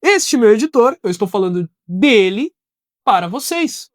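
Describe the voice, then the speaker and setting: A woman with a Brazilian Portuguese accent, recording an online English lesson. She explains patiently in simple steps and says the English examples slowly and clearly. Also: medium pitch, big pitch swings, no echo, clean studio sound. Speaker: English teacher. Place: video recording with an editor behind the camera.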